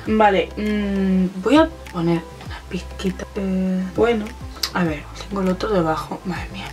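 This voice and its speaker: A young woman talks her way through a makeup tutorial, rambling and hesitant, with lots of "em" and "bueno." She sits a little back from the mic, and soft music plays faintly underneath. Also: mid-range voice, distant mic. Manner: chatty, thinking aloud with many fillers and hesitations. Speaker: beauty vlogger. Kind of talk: casual makeup tutorial chat.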